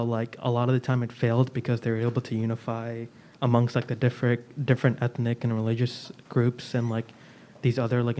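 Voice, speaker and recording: A man's voice: mid-range voice, dark tone. A man in the audience asking a question, hesitant and leaning heavily on "like" fillers. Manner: hesitant, heavy use of "like" fillers.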